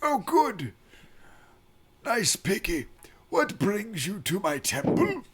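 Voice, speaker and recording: A man voicing a frail, polite, very old man in a halting, genteel manner for a tabletop game. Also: sits high, wildly swooping pitch, breathy edge, pitched above the performer's own voice, full character voice. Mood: doddering, friendly. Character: frail, doddering, polite very old male temple master. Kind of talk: tabletop role-play.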